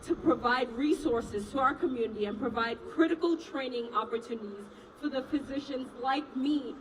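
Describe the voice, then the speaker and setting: A woman's voice: high-pitched, normal speed. A woman from Trinidad and Tobago, a resident physician and union officer, giving a rousing rally speech and chanting slogans. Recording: distant mic, loud crowd and street noise.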